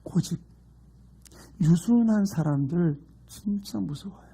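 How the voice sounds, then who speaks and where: Middle aged pastor guy, soft dark voice, preaching then slipping into homey jokey stories. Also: sits high, slow pace, creaky, slightly rough. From Gangwon Province, Korea. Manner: emphatic preaching mixed with humorous folksy storytelling. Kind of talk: sermon.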